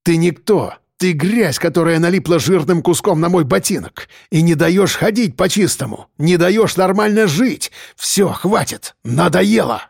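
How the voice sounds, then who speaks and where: A man's voice: fairly high pitch, expressive, normal speed, a little mellow, no room sound, clean studio sound, close to an everyday voice. A man voicing a cold, contemptuous middle-aged police major who growls at his prisoner. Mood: menacing.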